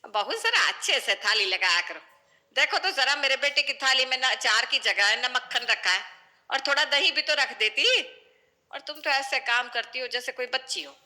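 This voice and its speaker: A woman's voice: high-pitched, expressive, moderate pace, sharp tone, exaggerated voice. An actress playing a nagging, doting middle-aged mother-in-law who scolds and preaches. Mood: scolding.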